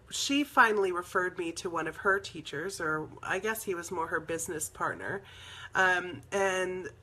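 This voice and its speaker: A woman teaching a spiritual healing session, telling a personal story in an earnest, rambling way with soft laughs and fillers. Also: lowish voice, slightly rough.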